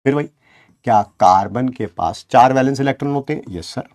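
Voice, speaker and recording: A man's voice: mid-range voice, brisk, a little mellow. A man teaching chemistry in an online class, encouraging his students, counting aloud and answering his own questions as if he were a student, with English words mixed in. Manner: counts aloud while pointing at the board.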